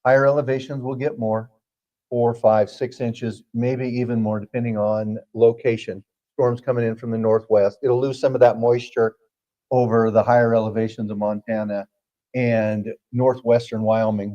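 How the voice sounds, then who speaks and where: A man's voice: medium pitch, little pitch movement, moderate pace, dark tone, highs cut off. A man working as a TV meteorologist, explaining the forecast in a folksy way with frequent fillers. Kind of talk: broadcast weather chat.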